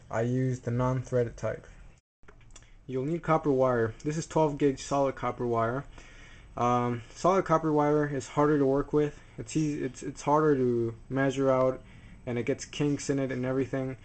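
Walking through a DIY project by hand, this man speaks informally and haltingly, pausing to correct himself along the way. His voice is medium in pitch and a little mellow.

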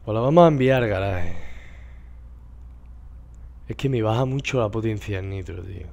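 A man with an accent from Spain, commentating a racing game in an excitable way and swearing loudly at it. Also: fairly low pitch, moderate pace, gravelly. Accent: Spain Spanish. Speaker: gamer. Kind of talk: gameplay commentary.

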